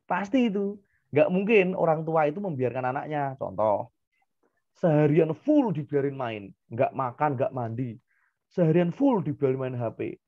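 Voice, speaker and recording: A man, a primary school teacher giving an online class to children, animated and acting out parents and kids. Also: a little high, normal speed, no echo, dull audio.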